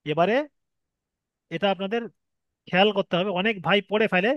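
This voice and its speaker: Speaking at a moderate pace in a high register, a man with a Bengali accent walks students through reading Arabic letters in an online Quran lesson. He explains patiently, one step at a time, elongating sounds to show them. No echo is present, though the top end of the audio is cut off.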